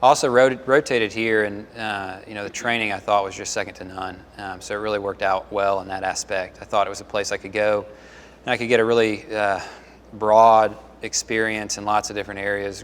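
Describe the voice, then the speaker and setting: A man's voice: lowish voice, a bit bright, slight background noise. A young man from Memphis, a fifth-year resident on a panel, speaking earnestly. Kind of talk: panel discussion. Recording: room with long reverb.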